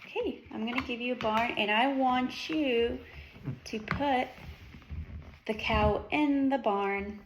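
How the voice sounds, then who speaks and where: A woman's voice: on the high side, slow pace. A woman teaching a young child with simple prompts and repeated praise, talking as if to a toddler in an encouraging way. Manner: encouraging, repetitive, sing-song animal sounds and praise. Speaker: teacher or speech therapist working one-on-one with a young child. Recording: noisy, echoey room recording.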